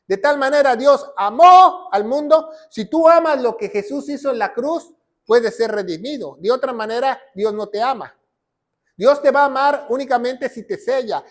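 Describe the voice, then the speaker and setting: A man preaching. He presses his points by repeating short phrases and reciting scripture, teaching his listeners. His voice sometimes drifts off the mic. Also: extremely high pitch. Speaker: pastor. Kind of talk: sermon teaching.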